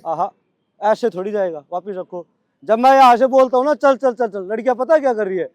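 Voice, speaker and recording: A male coach with a Delhi Hindi accent calling brisk commands and scolding his trainees at practice. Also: high voice, no echo.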